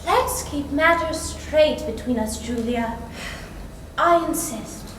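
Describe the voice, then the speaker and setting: A woman's voice: high voice, takes it slowly, a bit bright, slight background noise. A woman playing a stingy, condescending employer on a stage, talking in a sweetly mocking way and laughing often, recorded from far off in an echoey hall. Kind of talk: stage play performance. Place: school stage before an audience. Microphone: distant room mic.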